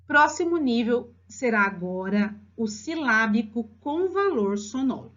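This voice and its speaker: A woman with a Brazilian accent explaining children's writing levels to parents as a teacher, stretching words slowly syllable by syllable. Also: fairly high pitch. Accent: Brazilian Portuguese. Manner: lively, drawn-out slow spelling of syllables. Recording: slightly dull lo-fi recording.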